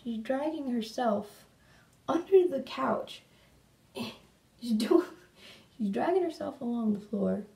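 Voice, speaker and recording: A woman's voice: a little high, animated, takes it slowly, creaky, long pauses, warm tone. A woman vlogger chatting in a rambling way while doing her makeup at home, talking to her cat now and then. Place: room at home. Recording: echoey room, mic at a distance.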